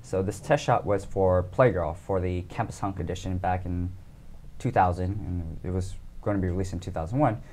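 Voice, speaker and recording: A low-pitched American man in his thirties speaks at a moderate pace. As a casual interview guest he stays relaxed, with many ums and easy laughter.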